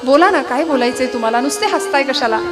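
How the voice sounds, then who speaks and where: A woman's voice: high-pitched, fast, music in the background, pitched below the performer's own voice, lightly acted. A woman voicing a jealous, impatient young prince who demands straight answers, within a sung Marathi kirtan.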